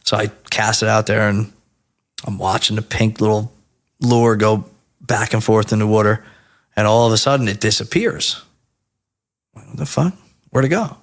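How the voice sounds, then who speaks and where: A man in his thirties from New Jersey, telling stories as a podcast guest in a casual, animated and profane way. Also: fairly low pitch, moderate pace.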